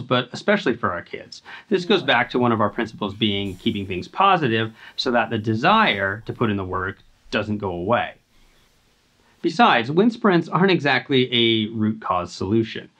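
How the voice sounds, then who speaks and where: A man in his thirties hosts a scripted fitness explainer, speaking to camera in an earnest, instructive manner. His pitch moves in a lively way up and down. The sound is a little dull and lo-fi, as if from a camera mic at medium distance. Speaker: host. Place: indoor home climbing wall.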